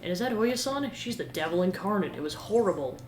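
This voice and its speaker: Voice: medium pitch, animated, quick pace, a little hiss or hum, lightly acted. A game player voicing a self-pitying, eager teenage boy with a chatty, complaining manner. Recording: roomy echo with game music behind.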